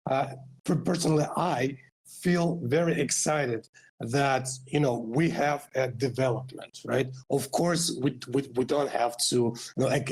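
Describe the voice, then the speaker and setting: Male seminar host, medium pitch, casual explainer, stop-start phrasing. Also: darkish tone, low-quality recording. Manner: halting, repeats words, often adds "right?".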